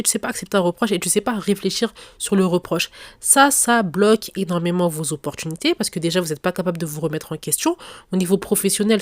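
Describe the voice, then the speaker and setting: A woman's voice: on the low side, no room sound, studio quality. A young woman hosting an advice podcast, speaking directly and emphatically to her listeners. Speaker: podcast host.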